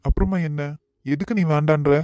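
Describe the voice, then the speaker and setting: Affectionate cartoon dad played by a man, slightly high voice, pleading and gentle. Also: steady tone, brisk, no echo, close to an everyday voice. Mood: tender. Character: worried, tender father of a grown daughter.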